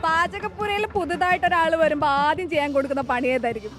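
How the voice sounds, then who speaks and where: A woman's voice: very high voice, animated, fast talker, over music. A woman with a Kerala Malayali accent presenting casually on location, mixing English slang into her Malayalam. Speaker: vlog presenter.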